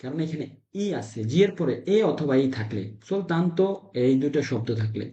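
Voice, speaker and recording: A man teaching Italian letter sounds to a class, drilling syllables in slow repeated chants. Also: mid-range voice, animated, mellow. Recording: echoey room, dull lo-fi sound.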